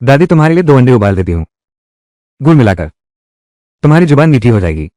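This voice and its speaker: A man's voice: medium pitch, very animated, fast, warm tone, dry recording, lightly acted. A man voicing a doting elderly grandmother who fusses tenderly over her hungry grandson in dubbed drama dialogue.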